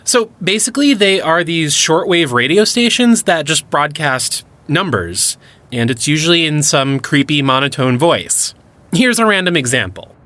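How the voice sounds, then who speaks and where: A man's voice: a little high, animated, normal speed, pushed and bright. An actor playing an enthusiastic young male cryptid hunter who explains things eagerly in an audio drama. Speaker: lead character.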